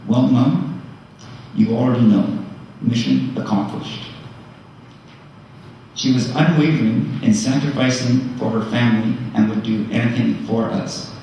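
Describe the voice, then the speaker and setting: Older man, son's eulogy, unhurried, hesitant, wry; distant roomy recording. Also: medium pitch, a little hiss or hum. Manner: halting with fillers, gently joking. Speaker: son giving a eulogy. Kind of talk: memorial eulogy. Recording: echoey hall from far off.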